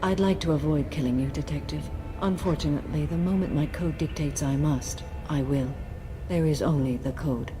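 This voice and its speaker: Actress as solemn warrior woman, alien, low pitch, measured, formal, video game, loud music. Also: lightly acted. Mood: calm menace.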